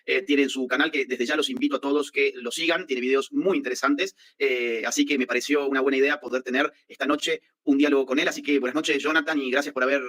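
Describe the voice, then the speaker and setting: Male host, brisk welcoming intro, mid pitch. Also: steady tone, a bit bright. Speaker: show host.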